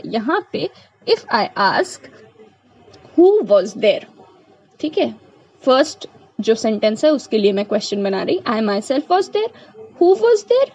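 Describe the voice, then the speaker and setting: Lady teacher, kinda high voice, reads lines real slow then explains fast in hindi. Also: slightly rough, rough recording. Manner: explains step by step, asks and answers her own questions; reads English sentences slowly, explains in quick Hindi. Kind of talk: recorded grammar lesson.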